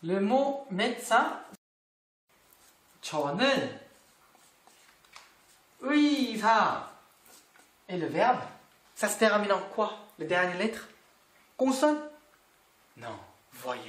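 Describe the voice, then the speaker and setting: Slow, patient language teacher in an echoey room. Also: medium pitch, sing-song, a bit bright. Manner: patient, repeats words and asks questions back to the learner. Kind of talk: online language lesson.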